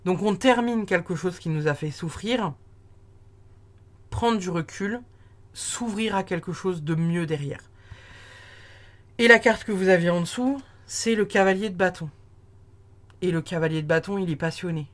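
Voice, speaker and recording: Woman tarot reader, lowish voice, rambling friendly delivery full of fillers. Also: moderate pace, long pauses. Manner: chatty, many fillers and restarts. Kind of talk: casual spoken tarot reading.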